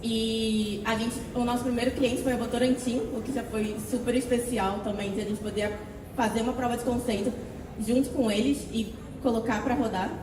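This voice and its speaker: A woman's voice: a little high, fairly even intonation, normal speed, reverberant, long reverb tail. Young woman panelist, casual and hesitant; far from the mic, noisy room. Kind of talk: panel talk.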